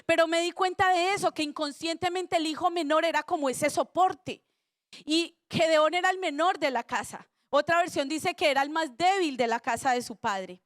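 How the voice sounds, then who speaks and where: A woman preacher delivers a church sermon, her voice sitting high and bright. She tells stories with humor and keeps throwing rhetorical questions to the congregation. The sound is close and dry, with little room around it. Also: moderate pace, no echo.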